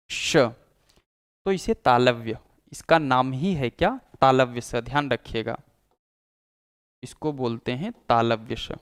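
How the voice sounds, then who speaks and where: A man's voice: mid-range voice, smooth, no room sound, studio quality. A man teaching a lesson, explaining step by step and saying the sounds aloud to demonstrate. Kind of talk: classroom lecture.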